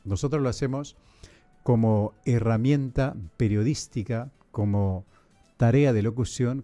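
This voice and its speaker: A priest hosting a podcast, explaining in a didactic, measured way and asking many rhetorical questions. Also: male voice, medium pitch, warm tone.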